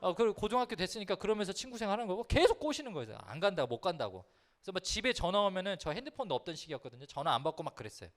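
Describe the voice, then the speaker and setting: A man preaching to middle school students, telling a humorous story in a lively way and often speaking to the listeners directly. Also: sits high, rapid-fire. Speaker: youth pastor. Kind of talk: storytelling sermon to teens.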